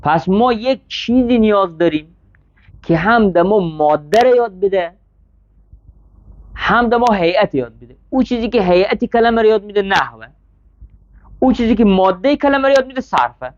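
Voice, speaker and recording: A man's voice: sits high, lively intonation, pauses often. A man teaching a classroom lesson, reading Arabic text line by line, explaining it and checking with his students. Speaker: seminary teacher. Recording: dull lo-fi sound.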